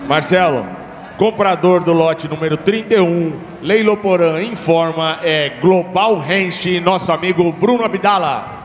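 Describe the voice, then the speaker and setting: A man's voice: high-pitched, unhurried. A Brazilian man working as auction staff, making brief live announcements. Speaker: auction staffer relaying bids and buyers. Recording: long hall reverb.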